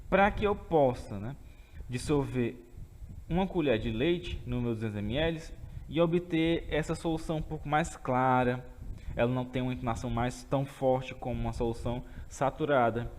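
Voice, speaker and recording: A man's voice: medium pitch, moderate pace, darkish tone, long reverb tail, a little hiss or hum. A man teaching a remote chemistry lesson with a Brazilian Portuguese accent. He explains step by step and often checks in with his students. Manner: explains step by step, keeps asking "tá certo?".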